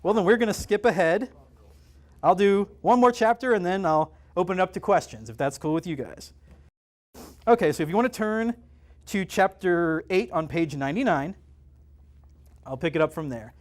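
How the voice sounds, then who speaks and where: Man, author, live book reading, comic shop, dramatic narration, slightly high voice. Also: animated, brisk. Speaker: author reading his own novel.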